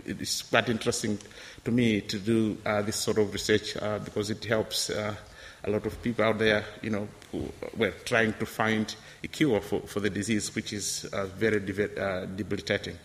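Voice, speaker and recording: A man from Malawi, in his thirties, giving a hesitant testimony with many pauses and fillers in a church. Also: fairly low pitch, level tone, a bit bright, big-room sound, a little hiss or hum. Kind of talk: testimony interview.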